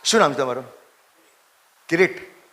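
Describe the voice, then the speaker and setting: A man's voice: on the high side, lively intonation, moderate pace, sharp tone. A man, a priest, preaching a sermon, repeating phrases for emphasis and putting questions to the congregation.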